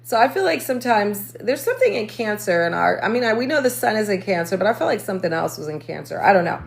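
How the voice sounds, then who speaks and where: A woman from the United States giving a casual horoscope reading as a channel host. She talks in a chatty way with quick joking asides, and her voice is cracking. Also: medium pitch, big pitch swings, gravelly.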